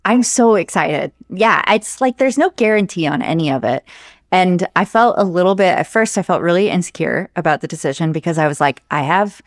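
A woman with a low, steady voice talks casually as a guest on a podcast. She is chatty and laughs easily. The sound is close and dry. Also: no echo. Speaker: guest writer.

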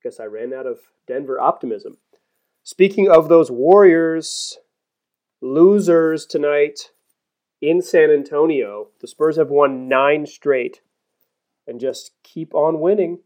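A man hosting a basketball podcast, talking in a chatty, self-deprecating way with animated emphasis, and reading an ad. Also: a little high, takes it slowly. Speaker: podcast host. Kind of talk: sports podcast commentary and ad read.

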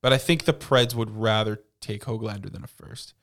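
A man's voice: on the low side, steady tone, moderate pace, creaky. A man co-hosting a casual sports podcast, explaining and correcting facts with frequent laughs. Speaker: podcast co-host.

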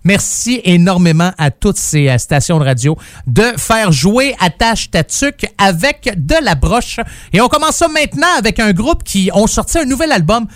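A man hosts a rock radio show, talking in a loose, joking, rambling way full of fillers. His voice sits high for a man. It is recorded dry and close on a studio mic. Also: lively intonation, normal speed, fairly bright tone, no room sound. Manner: chatty, jokey, rambling with many fillers. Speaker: morning radio host. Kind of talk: casual radio show patter.

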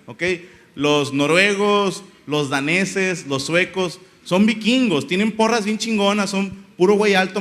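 A young man rambles through a stand-up monologue, crude and full of slang. His voice sits fairly high and sounds bright and forceful. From Monterrey, Mexico. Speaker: comedian.

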